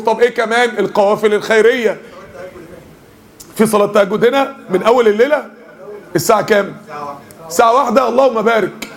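A man with an Egyptian Arabic accent preaches in a mosque lesson. His voice sits very high and he talks fast. He jokes and keeps asking the crowd questions. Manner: lively, joking, asks the audience questions.

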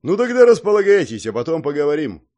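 A man voicing a gruff, mocking old hermit with a long grey beard in an audiobook, talking loudly and grumbling. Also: mid-range voice, animated, normal speed, natural voice. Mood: grumpy loud. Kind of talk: audiobook character voice.

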